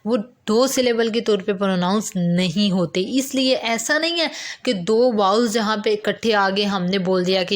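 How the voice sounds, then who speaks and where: A woman with a Pakistani accent teaching English phonetics in a lecture, explaining terms step by step and mixing English words into her talk. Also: medium pitch.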